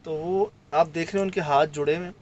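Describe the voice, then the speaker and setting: Animated man telling a story. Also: a little high, dull audio. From Sindh, Pakistan. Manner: animated, acts out quoted lines. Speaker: guest recounting a field trip. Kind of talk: casual storytelling.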